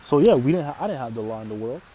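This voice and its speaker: Animated and very fast, this Canadian scripture teacher, a native Arabic speaker, has a warm, husky mid-range voice, captured on a rough recording. He keeps his lesson casual, repeating "right?" frequently and restarting phrases as he goes.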